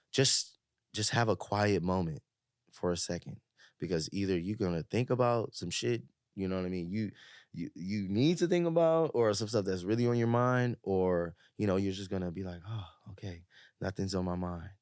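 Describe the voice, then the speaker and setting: Low-voiced laid-back young man. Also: darkish tone, clean tone, dry recording, studio quality. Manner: laid-back storytelling, peppered with "you know what I mean". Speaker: podcast guest. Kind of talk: casual chat.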